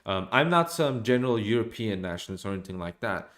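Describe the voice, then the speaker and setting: Facing his desk webcam in a small home room, a young man from Norway talks fast in a lowish voice. His stream is an opinionated monologue, full of lively gestures and frequent restarts.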